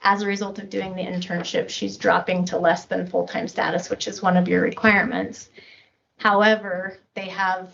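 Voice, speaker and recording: A woman reporting to a county board at a public meeting, measured and a little halting. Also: mid-range voice, flat delivery, vocal fry, fairly bright tone. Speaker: county staff member reporting to commissioners. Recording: dull meeting room audio with faint noise.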